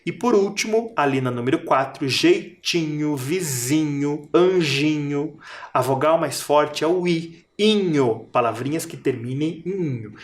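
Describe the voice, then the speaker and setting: A patient teacher with a Brazilian Portuguese accent guides young children through rhymes in a fairly high voice. He draws out each word slowly and clearly. The sound carries a noticeable room echo. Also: expressive. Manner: patient, slow and clear, spells out rhyming words for children. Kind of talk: video lesson for primary school children.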